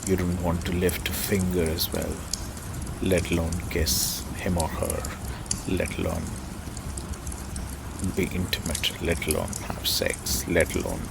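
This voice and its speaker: Man, deep gravelly voice, flat intonation, halting reflective monologue. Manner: halting, pensive delivery in short broken phrases. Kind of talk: slow reflective spoken musing. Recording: clearly noisy ambient background.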